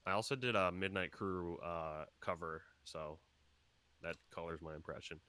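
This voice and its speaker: Casting note: man, very low pitch with a bright edge, relaxed panel banter. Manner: laid-back, quick agreeing interjections. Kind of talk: casual chat on a livestream panel.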